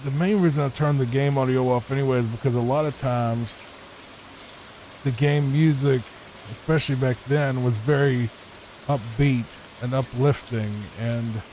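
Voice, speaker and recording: Virginian man, mid-pitched, easygoing rambling game talk for sleep, faint hiss behind. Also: steady tone, normal speed, mellow, rough recording. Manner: laid-back, rambling. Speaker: gameplay channel host. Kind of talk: soft sleep-aid gameplay commentary. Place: home room, not a booth. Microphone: studio microphone with added EQ.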